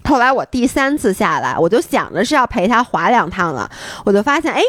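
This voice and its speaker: A woman co-hosting a podcast, telling a story in casual chat, animated and acting out scenes as she goes. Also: medium pitch, fairly quick, dry recording. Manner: animated, interrupts, acts out scenes. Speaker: podcast co-host.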